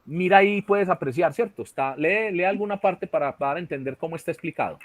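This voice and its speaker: A man's voice: on the high side, brisk, no room sound. A male teacher with a Colombian Spanish accent, lecturing an online class and often checking in with his students. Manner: explanatory, checks in with "¿sí?" and "¿cierto?". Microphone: computer mic on a video call.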